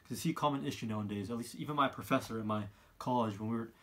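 A man, giving his opinions in a casual monologue, halting and often repeating himself as he rambles. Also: medium pitch, a bit bright. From Canada. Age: 20s. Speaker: vlogger, college student. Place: small room indoors, seated by a wall.

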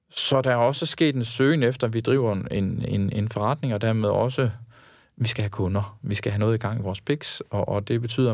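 A man who works in social care, speaking in a panel discussion, halting and repeating words as he reasons. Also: lowish voice, darkish tone, dry recording.

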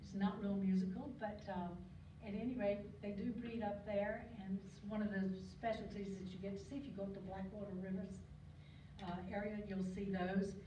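An older woman, a guest speaker on local birds, gives a relaxed, chatty slide talk from a podium, wandering a bit, filling pauses with ums and sometimes clearing her throat. Her medium-pitched voice moves at normal speed. The podium mic is picked up by a camera far back in an echoey lecture hall, so the sound is muffled with steady background noise.

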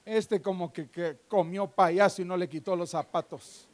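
A male pastor preaching a live sermon in a church on a handheld mic, fervent, with joking asides, swinging between loud and hushed. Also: high-pitched, fairly even intonation, normal speed. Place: church sanctuary. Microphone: handheld microphone.

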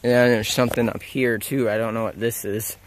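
A man's voice: mid-range voice, flat delivery, fairly quick, slight background noise. A young man casually narrating while walking through a forest, filming on a handheld camera, rambling and correcting himself as he goes. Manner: rambling, unsure, self-correcting. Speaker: explorer filming abandoned sites. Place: outdoors in a forest. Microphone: handheld camera mic.

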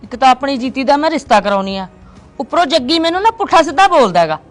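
This is a pushy middle-aged aunt, played by a woman, in a homemade drama. Her voice sits slightly high and she talks with stubborn indignation. Faint music runs underneath. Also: sing-song, fast talker. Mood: insistent. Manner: indignant, insistent. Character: scheming aunt set on arranging a match. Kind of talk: amateur drama acting.

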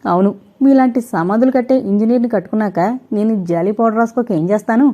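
A woman voicing a sharp-tongued, sarcastic wife, in a slightly dull recording. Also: fairly high pitch, quick pace, natural voice. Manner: biting, sarcastic.

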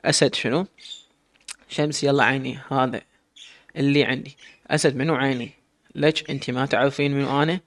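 A man voicing a spirited, sharp-tongued teenage girl in an audio story. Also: mid-range voice, steady tone, close to an everyday voice. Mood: defiant. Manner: quick retorts, blunt.

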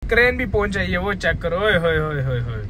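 A man from Pakistan chatting casually to camera in a vlog, excitable and exclaiming often, recorded outdoors on a noisy phone. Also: high voice, moderate pace. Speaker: vlogger.

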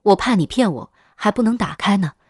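A woman's voice: medium pitch, animated, fairly quick, breathy edge, dry recording, studio quality. A woman voicing a desperate village wife who begs a captive to bear her a son. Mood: pleading. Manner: pleading, wheedling.

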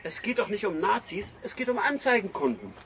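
A man voicing a gruff, foul-mouthed man who lectures bluntly within a satirical column he reads aloud. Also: sits high, animated, fairly quick, a bit bright, a little hiss or hum, voice pushed up. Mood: ranting.

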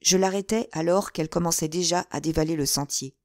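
A woman narrating an audiobook in a measured, even storytelling manner. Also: on the low side, dry recording, studio quality. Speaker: audiobook reader.

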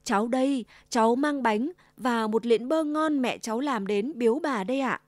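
A wicked old wolf voiced by a woman in a dry, close storybook reading. He growls when plotting and softens into a fake, trembling grandma voice to fool the child. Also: a little high, moderate pace, no echo, close to an everyday voice. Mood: falsely sweet. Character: wicked old male wolf, greedy and sly.

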